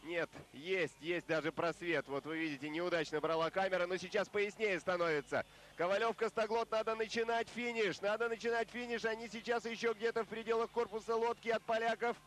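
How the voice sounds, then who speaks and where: A male sports commentator giving live race commentary, measured and explanatory at first and pressing harder as the boats near the finish. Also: high-pitched, fairly even intonation, a bit bright, a little hiss or hum.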